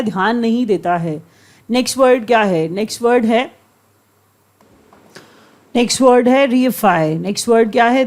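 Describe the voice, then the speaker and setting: A woman with a slightly raised voice gives an online vocabulary lesson. She goes over each word and its meaning again and again, and reads the example sentences aloud slowly and carefully. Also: a little high, darkish tone. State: occasional coughing. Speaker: vocabulary teacher for exam preparation. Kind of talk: online vocabulary lecture mixing Hindi and English.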